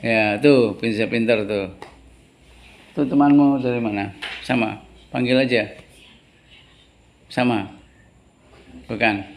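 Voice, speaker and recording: A male teacher, an Indonesian speaker, giving a classroom English lesson, explaining slowly, repeating words and putting questions to his students. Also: medium pitch, fairly even intonation, slight background noise.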